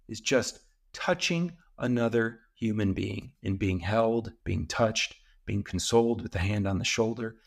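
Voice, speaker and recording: A man hosting a solo talk show, calmly explaining ideas and slowing down to stress key points. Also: fairly low pitch, vocal fry. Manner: calm and explanatory, with slow emphatic stretches. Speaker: podcast host and men's coach.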